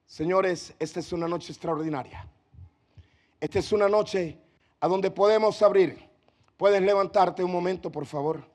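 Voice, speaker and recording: A man preaches a sermon in a strikingly high-pitched voice. He moves from quiet, intimate pleading to loud, fervent shouting. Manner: impassioned preaching that swings from hushed to shouted. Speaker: pastor.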